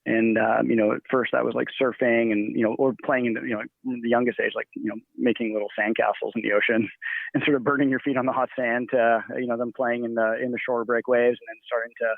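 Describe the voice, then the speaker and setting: A man who grew up in Nigeria answers interview questions in a loose, rambling way, full of fillers and restarts. His voice is gravelly and sits at a middle pitch. It comes through a tinny, phone-like line. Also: little pitch movement, fast talker, no room sound. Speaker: guest.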